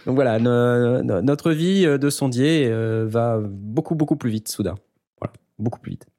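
A man's voice: medium pitch, moderate pace, mellow. A man hosting a casual podcast chat, joking about himself between frequent hesitations. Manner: jokey, self-mocking, hesitant with many fillers. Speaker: podcast host.

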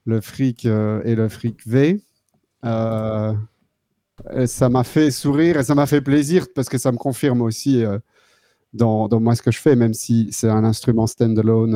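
A man's voice: mid-range voice, fairly even intonation, normal speed, mellow, no room sound. A man from southern Belgium, a guest on a live stream, talking casually with lots of fillers and restarts. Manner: hesitant, many fillers and restarts. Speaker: guest, synth controller maker.

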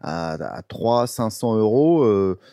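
A man's voice: fairly low pitch, lively intonation, slow, dark tone, smooth, no room sound. A man from Paris, a guitar expert, chatting casually with many fillers and restarts. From Paris, France. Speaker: guest guitar expert with a guitar channel. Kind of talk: casual podcast chat.

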